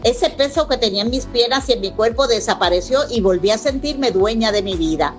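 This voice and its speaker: A woman's voice: fairly high pitch, expressive, brisk, soft background music. A woman in her sixties from Puerto Rico giving an earnest, scripted customer testimonial. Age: 60s.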